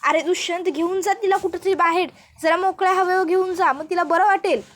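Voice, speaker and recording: Brief: a sly, domineering older matriarch with a high voice, put on by a female storyteller. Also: fairly even intonation, a little fast, fairly bright tone. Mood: commanding. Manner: commanding, sly.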